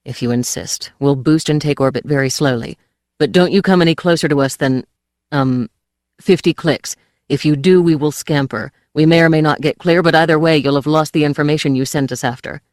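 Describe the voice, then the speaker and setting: A man's voice: a little high, brisk, no echo, studio quality, natural voice. A reader doing a grim, worn-out spacer man. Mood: bitter. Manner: clipped, bitter, gasping. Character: grim, exhausted male starship pilot. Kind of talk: audiobook character voice.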